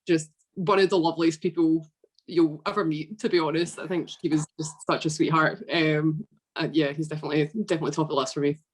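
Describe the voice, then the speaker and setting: Low-voiced Scottish woman, chatty. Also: quick pace. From Scotland. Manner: chatty, relaxed, frequent fillers. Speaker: podcast guest. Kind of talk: casual interview.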